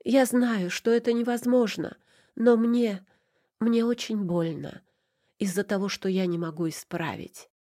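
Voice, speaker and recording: Woman reading as frightened tearful young wife, halting pleading delivery, low warm voice, dry close sound. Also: animated, no room sound.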